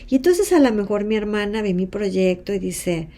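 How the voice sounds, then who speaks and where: A Mexican woman talks through a self-help lesson in a mellow, warm voice at a middle pitch. She tells her examples expressively, voicing the people she quotes and sometimes sinking to a whisper. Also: very animated, normal speed. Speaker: hypnotherapist and self-help teacher. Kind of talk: teaching talk with role-played examples.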